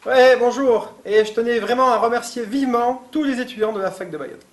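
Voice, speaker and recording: A man's voice: very high-pitched, a little fast. A man playing a brash, boastful caller in a student comedy sketch. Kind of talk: comic sketch acting.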